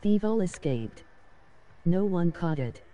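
A synthetic text-to-speech voice of a woman, reading out stream chat messages in a robotic monotone. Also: on the low side, slow pace. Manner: monotone, reads every message in the same even tone. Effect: text-to-speech computer voice.

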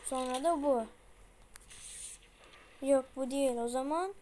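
A woman's voice: sits high, slow, dark tone, slight background noise. A young woman chatting her way through a horror game, slangy and prone to panicky outbursts. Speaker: gameplay streamer. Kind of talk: casual horror game commentary.

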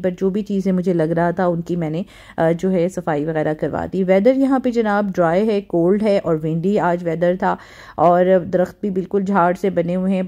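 A woman's voice: lowish voice, mellow. A middle-aged woman from Pakistan, narrating her home vlog in a chatty way, with many fillers and English words mixed in. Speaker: vlogger.

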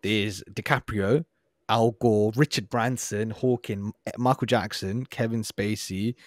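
A man's voice: fairly low pitch, steady tone, measured pace, no echo, studio quality. A man co-hosting a podcast in casual chat, teasing and laughing, heavy on slang. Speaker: podcast co-host.

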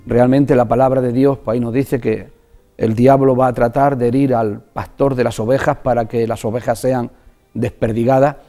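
Earnest Spanish pastor with a mellow voice. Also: male voice, medium pitch, fairly even intonation, faint music behind. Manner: earnest, halting, repeats words when moved. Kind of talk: personal testimony in a religious TV interview.

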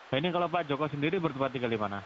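A man speaks quickly over a phone line that sounds dull and lo-fi, with a faint hiss underneath. His manner is formal and officious but pushy, and he keeps tagging his sentences with "ya". He sounds like a self-declared officer pressing someone on a call. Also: a little high, expressive. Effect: heard over a phone line. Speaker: caller posing as a police officer.

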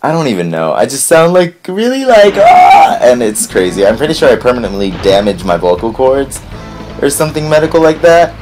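A man hosting a let's play who rambles casually, gets excitable and swears when things go wrong, and whose voice is strained from recently losing it. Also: medium pitch, a little fast, music in the background. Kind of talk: casual gameplay commentary.

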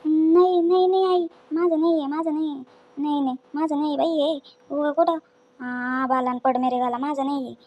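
A woman's voice: sits high, flat delivery, fairly quick, muffled recording. A young woman playing a defensive, pleading daughter-in-law in a home drama.

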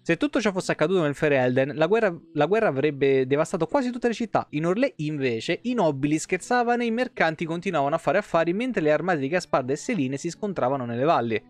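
A man with a slightly high voice talks fast and animated, barely pausing, with no echo on the audio. He's a live streamer in a small room at home reading game lore, dropping profane, colloquial asides and correcting his own stumbles. Soft background music is audible.

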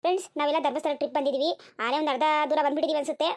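A woman voicing a bossy middle-aged village mother in a comedy cartoon, giving quick orders and chattering. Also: sits high, steady tone. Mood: chatty. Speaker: cartoon character.

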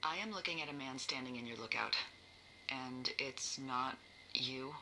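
An actress playing a wry, playful, tipsy fire lookout talking over a walkie-talkie in a naturalistic video game. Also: female voice, very deep voice, normal speed, gravelly, bright, forceful tone, slight background noise, heavily acted, low-quality recording. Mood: worried.

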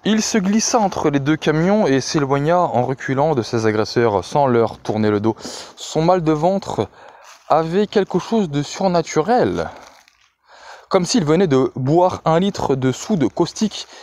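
A man reads a thriller aloud in a slightly high voice. His delivery is dramatic, with the odd hesitation and a restarted phrase here and there. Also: big pitch swings, measured pace, darkish tone. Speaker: reader. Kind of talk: reading novel excerpts aloud.

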